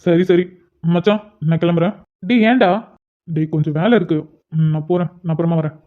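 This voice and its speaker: A man's voice: on the high side, fairly quick, natural voice. A man voicing an earnest young man in a cartoon, talking to his friend about his troubled little sister. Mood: friendly. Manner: earnest, pleading, calls his friend "machan". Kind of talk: cartoon voice acting. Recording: dull lo-fi sound.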